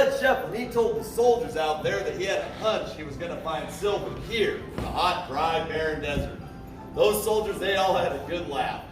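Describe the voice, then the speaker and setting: High-voiced folksy showman, very echoey room. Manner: folksy, rowdy showman projecting to the crowd. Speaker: live show host and storyteller. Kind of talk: theatrical storytelling to an audience. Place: saloon theater before a live audience. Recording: very echoey, distant, music behind.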